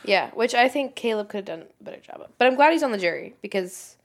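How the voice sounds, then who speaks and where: A woman co-hosting a casual podcast with a middle-pitched voice. She pauses and hesitates while she thinks, then slips in dry, sarcastic jokes. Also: expressive. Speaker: podcast co-host.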